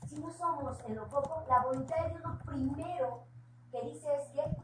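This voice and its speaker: Her voice high-pitched and her pace moderate, a woman speaking with a Mexican Spanish accent preaches casually in a home church meeting. She's sincere and conversational, with homey asides, captured by a distant mic in a noisy, reverberant room.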